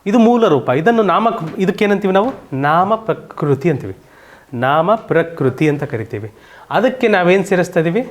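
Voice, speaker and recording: A male teacher giving a grammar lesson to children, patient, repeating points and asking quick questions. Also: sits high, animated.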